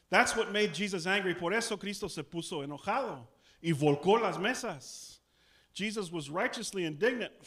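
High-voiced pastor preaching in two languages. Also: male voice, fairly bright tone. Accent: South Texas Spanish. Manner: repeats each point in both languages, leads call-and-response. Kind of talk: bilingual sermon, Spanish then English. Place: church.

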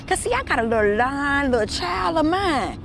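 Woman acting a sassy, high-pitched scolding mom. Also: very animated, normal speed, gravelly, fairly bright tone, a little hiss or hum, heavily acted. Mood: annoyed, gossipy. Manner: exclamatory, repeats phrases for emphasis. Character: sassy, scolding, theatrical mother who won't be outsmarted. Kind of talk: comedy skit acting. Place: living room of a house.

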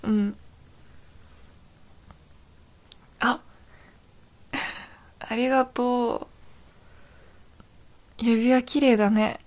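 A woman's voice: a little high, fairly even intonation, extremely slow, darkish tone. A woman playing a young, possessive yandere girlfriend in an intimate role-play audio drama, sounding sweet, clingy and eerily obsessive. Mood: touched, uneasy.

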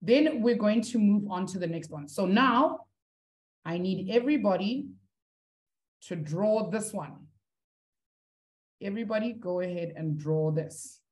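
A woman's voice: mid-range voice, animated, measured pace, pauses often, darkish tone. A woman teaching a live online maths lesson, encouraging her students and reading their answers from the chat.

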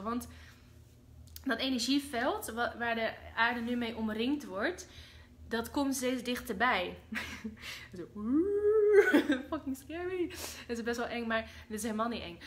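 A Dutch woman hosting a casual spiritual livestream, expressive, with loud outbursts and soft whispers, mixing in English phrases. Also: on the high side, normal speed. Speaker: livestream host.

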